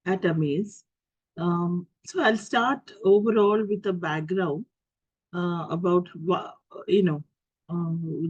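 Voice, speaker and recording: A middle-aged woman with an Indian English accent, a guest speaker, talks to an online group through a cold and cough, picking her words with many pauses, fillers and restarts. Her voice is lowish and darkish in tone. The video-call line sounds dull and lo-fi, dry and close with no echo.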